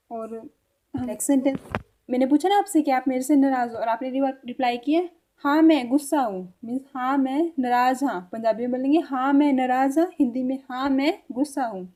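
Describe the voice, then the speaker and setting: A woman teaching a spoken language lesson, repeating each example sentence slowly and patiently explaining it step by step. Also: high voice, dark tone.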